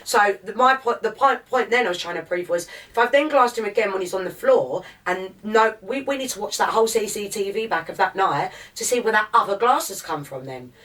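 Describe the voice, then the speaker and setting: A woman with an Essex accent talks as a podcast guest, reliving events in a rapid present tense. She swears freely and gets fired up. Her voice sits a little distant from the microphone, in the middle of a woman's range. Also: mid-range voice, animated, a bit bright. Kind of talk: casual interview, recounting events.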